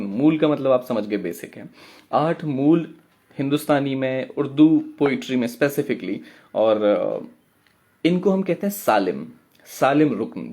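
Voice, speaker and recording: A man teaching a poetry workshop, chanting syllables and beat counts in a drawn-out way. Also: medium pitch, darkish tone. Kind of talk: online lesson.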